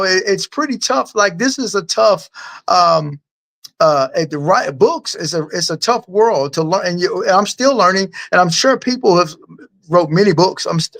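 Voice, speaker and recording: Male author guest, slightly high voice, earnest and halting, rambles. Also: a bit bright. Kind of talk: casual interview answers.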